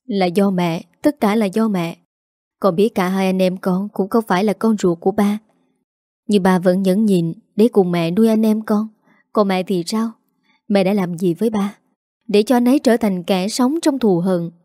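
A woman's voice: mid-range voice, moderate pace, warm tone, no room sound, studio quality, lightly acted. A woman voicing a grieving young man in an audio story, tearful and accusing. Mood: reproachful.

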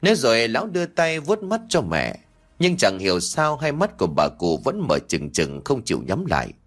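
Animated male storyteller. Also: mid-range voice, normal speed. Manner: lively, expressive storytelling with acted dialogue. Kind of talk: scripted narration of a horror folk tale.

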